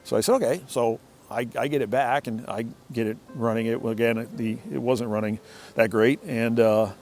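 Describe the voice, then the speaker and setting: A man's voice: medium pitch, fairly even intonation, normal speed, a little mellow, a little hiss or hum. A middle-aged man telling a casual, rambling story from his shed workshop, often restarting and repeating words. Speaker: motorcycle owner telling a story.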